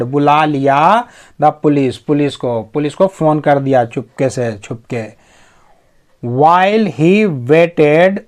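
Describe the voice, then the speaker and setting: Slow teacher, higher voice. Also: male voice. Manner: reads English slowly, then explains in Hindi. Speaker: English teacher. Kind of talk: line-by-line story reading lesson.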